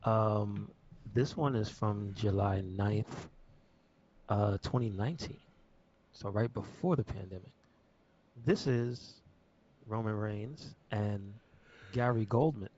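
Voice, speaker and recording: A man co-hosting a podcast in casual chat, easygoing and hesitant with drawn-out phrases. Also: on the low side, a little mellow, slight background noise. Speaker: podcast co-host. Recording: dull lo-fi podcast audio.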